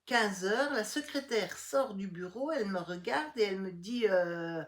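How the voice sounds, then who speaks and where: A middle-aged woman telling a personal story in a casual vlog, acting out the lines of the people involved. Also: a little slow. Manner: animated retelling, acting out dialogue with rising pitch. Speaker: vlogger.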